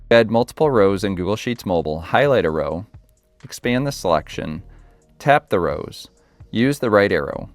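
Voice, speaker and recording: A man's voice: fairly low pitch, dry recording. A man giving scripted tutorial narration, reading instructions as short, clipped steps. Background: music.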